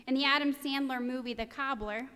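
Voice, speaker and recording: A woman's voice: sits high, fairly even intonation, brisk, bright, forceful tone, smooth. A woman preaching a sermon in an earnest, conversational way, with a touch of self-deprecating humor. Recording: long reverb of a large hall.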